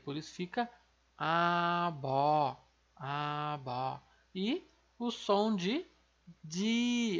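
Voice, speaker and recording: A language teacher with a Brazilian Portuguese accent, giving an online lesson, patiently repeating each word slowly and often checking in with tag questions. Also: mid-range voice, creaky, a bit bright, dull audio.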